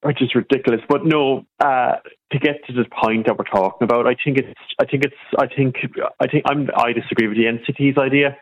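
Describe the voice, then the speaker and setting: A man's voice: mid-range voice, fairly even intonation, fairly quick. A man with a Kerry accent from the west of Ireland, calling a radio phone-in to give his opinion, stumbling and repeating words as he goes. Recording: dull lo-fi phone-in line.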